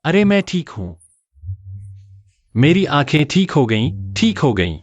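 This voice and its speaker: A man's voice: on the high side, slow, muffled recording. A young man voicing an eager, earnest young hero in a dubbed drama. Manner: excitable, earnest.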